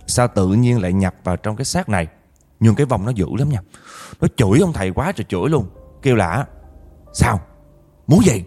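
Man, Southern Vietnamese accent, ghost story narrator, chatty, addresses listeners, low voice, mellow dark tone.

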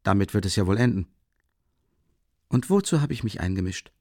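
A man's voice: on the low side, big pitch swings, fairly quick, mellow, no room sound, studio quality. A man reading a novel aloud, voicing a tormented young male student who swings between outbursts and bitter brooding. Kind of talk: audiobook character voice.

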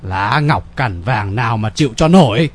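A man voicing a weary older father who talks slowly and sighs, dropping polite particles between words. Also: medium pitch, expressive, voice pushed down, lightly acted. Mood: resigned. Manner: slow, sighing, sprinkles polite particles.

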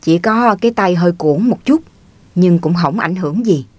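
A woman's voice: on the low side, expressive, normal speed, darkish tone, no room sound. A woman reading the part of an elderly rural man who is teasing, easygoing and folksy. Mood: chiding.

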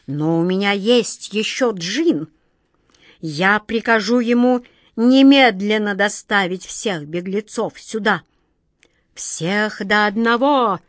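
A woman's voice: medium pitch, expressive, slow pace, no echo, clean studio sound. A woman playing a fretful, whiny fairy-tale king who barks orders and frets over his health. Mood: commanding. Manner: whiny, commanding, easily flustered.

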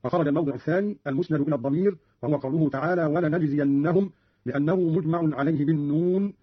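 A man giving a formal, didactic explanation of reading variants, slowing down to chant short verse examples, on a dull archival radio recording. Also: on the high side, slightly rough. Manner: measured, didactic, slows for chanted demonstrations.

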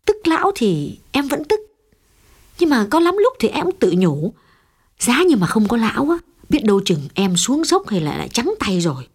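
A woman's voice: fairly high pitch, wildly swooping pitch, normal speed, husky, exaggerated voice. A woman reading as a fretful chatty shopkeeper. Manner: fretful, rambling. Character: anxious middle-aged woman shop owner, chatty. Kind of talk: audiobook reading.

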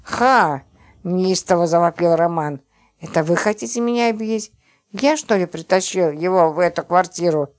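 A woman voicing a jealous, sharp-tongued man in an audiobook, reading his lines in a low voice with a biting, quick-tempered manner. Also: natural voice. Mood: prickly.

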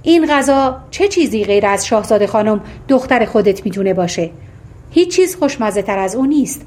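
A woman's voice: fairly high pitch, animated, a little mellow, lightly acted. A woman doing a blunt, menacing giant messenger. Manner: blunt, threatening. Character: menacing male giant, dragon's envoy.

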